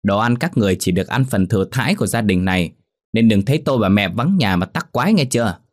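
A man voicing an arrogant, spoiled young woman who talks down to servants quickly and with contempt. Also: on the low side, expressive, dry recording, clean studio sound. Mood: haughty.

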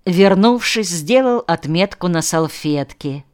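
A woman narrating an audiobook of short stories in a measured, even manner. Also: fairly low pitch, clean tone. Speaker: audiobook reader.

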